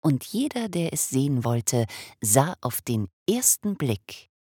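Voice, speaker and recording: Very low, husky-voiced woman reading a tale. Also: takes it slowly, no echo, clean studio sound. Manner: expressive, animated, drops to whispers. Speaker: storyteller. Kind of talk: reading a children's story aloud.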